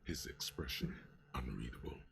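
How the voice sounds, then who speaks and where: A man voicing an omniscient narrator in a video game, speaking in a measured, grave way. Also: rumbling low, animated, gravelly, fairly bright tone, slightly rough, heavily acted. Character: deep-voiced omniscient male game narrator.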